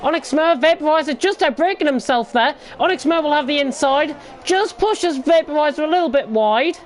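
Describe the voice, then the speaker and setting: A woman's voice: high voice, a little fast. A woman giving live motorsport commentary, calling the racing action as it happens. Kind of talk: live motorsport commentary of an online league race. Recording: clear background noise.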